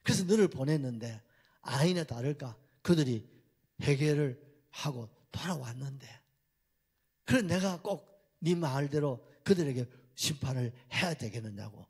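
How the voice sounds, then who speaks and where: A man voicing God as a stern, patient figure who rebukes slowly, with a Gyeongsang accent. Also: mid-range voice, lively intonation, a little mellow, breathy edge. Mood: reproving. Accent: Gyeongsang Korean. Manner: slow, grave, reproving.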